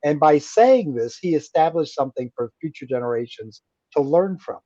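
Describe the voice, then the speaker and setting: A man's voice: on the high side, normal speed, no room sound, lo-fi sound. A man who is a guest author in a radio interview, talking animatedly and acting out the voices of people he quotes. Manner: animated, acts out quoted voices while telling stories.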